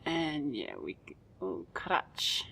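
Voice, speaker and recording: A woman's voice: low voice, big pitch swings, takes it slowly, gravelly, bright, forceful tone, slight background noise. Woman reading game text aloud. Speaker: let's play host.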